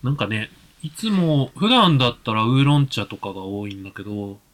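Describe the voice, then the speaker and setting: A man co-hosting a podcast in relaxed casual chat, laughing often. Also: medium pitch, a little fast. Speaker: podcast co-host.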